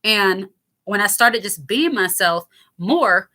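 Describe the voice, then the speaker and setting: Answering viewer comments, this thirties-aged female host speaks slowly and expressively, her raspy low voice pushed and bright. She keeps things frank and lighthearted, often stumbling into fillers and restarting sentences.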